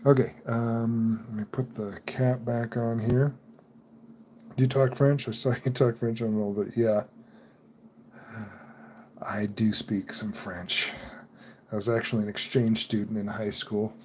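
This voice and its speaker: A man hosts a live stream where he builds computers, chatting casually and laughing often as he works on the parts. His lowish voice stays level and measured, with long pauses, and there is a little hiss or hum.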